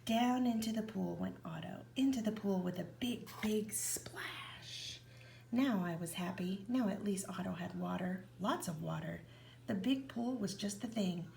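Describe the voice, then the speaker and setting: A woman reads a children's picture book aloud, often dropping into a hushed whisper. Her voice is gravelly and sits at a middle pitch. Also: measured pace, a little hiss or hum. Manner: expressive, often whispered narration. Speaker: reader.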